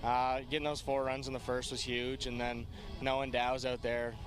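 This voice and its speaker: Young man, ballplayer, average pitch, casual interview answers, outdoor field. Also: level tone, normal speed. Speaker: athlete, baseball batter.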